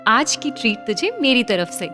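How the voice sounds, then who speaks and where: A woman voicing a stubborn young college woman who speaks in a soft, pleading, hushed way. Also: on the high side, lively intonation, moderate pace, faint music behind.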